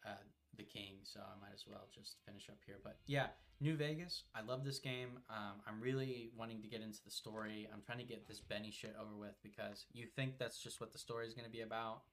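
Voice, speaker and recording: A man's voice: on the low side, fairly even intonation, fairly quick, few pauses, a bit bright. A young man co-hosting a podcast, chatting casually about a video game while playing, rambling with lots of fillers and swearing. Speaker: podcast co-host.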